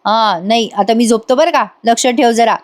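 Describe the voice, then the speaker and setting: A woman's voice: a little high, moderate pace, lightly acted. A woman voicing an elderly village patriarch who lectures in a fatherly way. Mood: lecturing.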